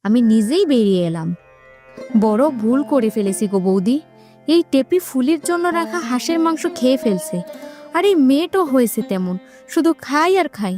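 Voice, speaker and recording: A woman's voice: fairly high pitch, animated, moderate pace, darkish tone, faint music behind, natural voice. A woman voicing a remorseful village woman in a cartoon, rueful and self-blaming. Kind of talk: cartoon voice acting.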